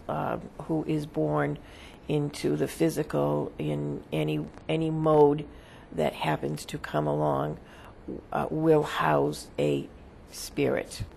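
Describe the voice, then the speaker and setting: A seance medium channeling as a spirit, with a creaky voice, answering questions in halting, solemn, formal phrases. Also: medium pitch, darkish tone, slight background noise.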